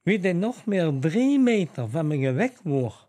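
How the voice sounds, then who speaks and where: A man's voice: fairly high pitch, big pitch swings, a little slow, dark tone. A man telling it as Sister Anna, a bold young nun. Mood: wry. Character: young nun, bold and quick-witted, woman.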